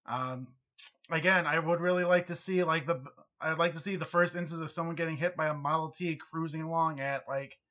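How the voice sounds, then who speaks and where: A man with an American accent and a bright, sharp-edged voice banters on a casual podcast. He is wry and pokes fun at himself. The recording is a little muffled. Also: on the high side, steady tone, a little fast. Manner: wry, self-deprecating. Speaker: podcast co-host. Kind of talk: casual comedic podcast chat.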